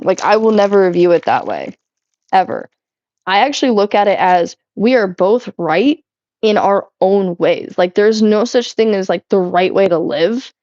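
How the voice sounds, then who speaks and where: A mid-range, darkish-toned woman in early adulthood keeps up loose live-stream chatter while cleaning, often giggling and swearing. The recording is dry and a little muffled.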